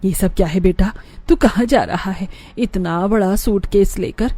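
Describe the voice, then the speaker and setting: A stern, scolding mother-in-law in a cartoon story, played by a man raising his voice. Her tone is dark and mellow, with a bossy edge. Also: high-pitched, unhurried, dry recording, soft background music, pitched above the performer's own voice. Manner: scolding, sharp. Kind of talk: cartoon voice acting.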